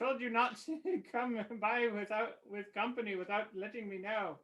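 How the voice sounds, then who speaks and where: A game master voicing a fussy male mage with a high-pitched, nasal voice who grumbles about unexpected visitors. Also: steady tone, moderate pace, a bit bright, a little hiss or hum, close to an everyday voice. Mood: scolding. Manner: grumpy, put out by visitors.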